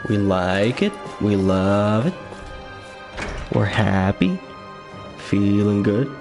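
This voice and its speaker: A streamer with a lowish voice draws out his words during casual let's-play commentary, with game music playing behind him. He jokes, mocks himself, and keeps up a chatty stream of talk.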